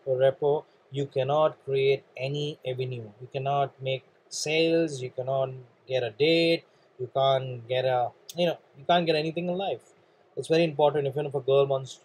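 Husky Indian man coaching with a cough. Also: mid-range voice, a little mellow, low-quality recording. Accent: Indian English. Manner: earnest, repetitive, addresses listeners as guys. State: coughing, clearing throat. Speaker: sales and networking trainer. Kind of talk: motivational training talk.

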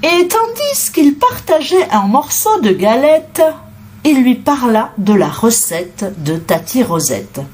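A woman reading a children's storybook aloud as narrator, expressive and unhurried. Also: high voice, a little hiss or hum. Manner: expressive, unhurried, sing-song.

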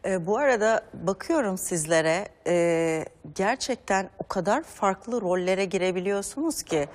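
A woman's voice: mid-range voice, expressive, measured pace. Chatty woman TV host, reverberant studio. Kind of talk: casual TV talk.

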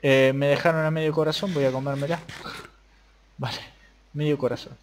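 A young Argentine man talking casually over a modded Minecraft game, jumping between quiet mutters and excited yelps. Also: fairly high pitch, brisk, slight background noise. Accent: Argentine Spanish. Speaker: gaming youtuber. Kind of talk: casual Minecraft let's play commentary.

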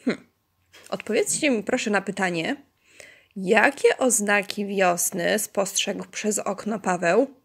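A woman teacher giving a remote lesson to preschool children, speaking clearly and warmly praising them as they count syllables. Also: mid-range voice, unhurried. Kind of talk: online lesson for young children.

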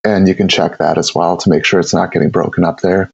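A man's voice: low voice, flat delivery, quick pace, creaky, breathy edge, no echo, lo-fi sound. A man talking casually as a brewer guest on an interview podcast, rambling with many repeated words and fillers.

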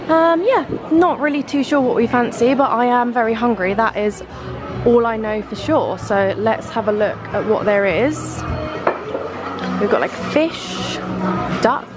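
A woman's voice: fairly high pitch, measured pace. A young woman, chatting casually as she films her travel vlog with many fillers. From England. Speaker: travel vlogger. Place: busy outdoor night market. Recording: loud music behind, outdoors.

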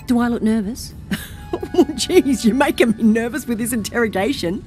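A man's voice: very high-pitched, normal speed, a little mellow, soft background music. A man voicing a whiny, defensive male alien who feels sick, in video game dialogue. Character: queasy whiny male alien named Craig.

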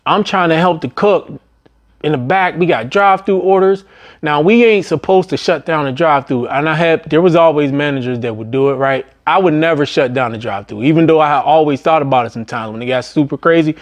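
A middle-aged man recounts his restaurant management days in a loose, conversational ramble. His voice sits a touch high for a man, and he keeps punctuating his thoughts with "right?" and "man." When he quotes other people, he jumps into high, strained voices. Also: a little fast. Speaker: business vlogger and former restaurant manager. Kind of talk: casual storytelling monologue.

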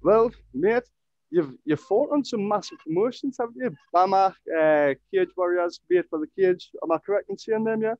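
A man's voice: high voice, moderate pace, darkish tone, dry recording, dull audio. A young man hosting a casual podcast interview over a video call, chatty and upbeat. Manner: chatty, upbeat, says "brilliant" often. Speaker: podcast host. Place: home room with fight posters. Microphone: headset.

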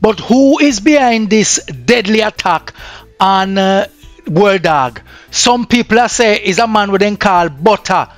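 A man's voice: sits high, expressive, a little slow, dry recording, soft background music. A man with a Jamaican accent commenting on news in a chatty way that drifts into patois.

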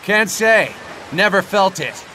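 A man's voice: high voice, animated, takes it slowly, a little hiss or hum, exaggerated voice. An actor playing a cocky, laid-back young male assassin who taunts his foes in a game. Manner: swaggering, taunting. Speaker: assassin hero. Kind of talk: video game voice acting. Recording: game audio with loud music.

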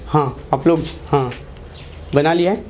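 A man's voice: a little high, measured pace, darkish tone. Man giving students a motivational talk. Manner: asks the class short questions and repeats key lines. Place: classroom.

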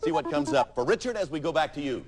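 A man hosting a TV game show, bantering playfully with contestants and reading questions briskly in a studio. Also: a little high, very animated, loud music behind the voice.

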